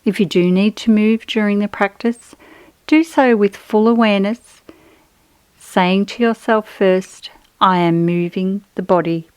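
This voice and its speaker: Leading a guided yoga relaxation, a woman speaks with a clear, resonant, medium-pitched voice that is soothing and measured. Her gentle directions come phrase by phrase, separated by pauses. The recording is close and dry, with no room sound.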